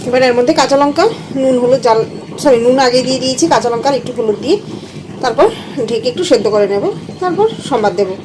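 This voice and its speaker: A woman's voice: high voice, fast, background noise. A young woman chatting to viewers in a casual home vlog, now and then cooing to her baby as she goes about her chores. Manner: chatty, addresses viewers directly, coos baby talk at her infant. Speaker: vlogger and young mother. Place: at home, bedroom and kitchen.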